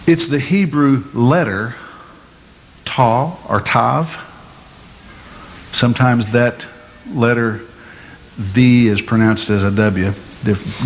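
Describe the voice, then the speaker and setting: A male pastor giving a measured, explanatory Bible-teaching sermon, asking his listeners questions as he goes. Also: lowish voice. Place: church sanctuary. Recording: long hall reverb, faint room noise.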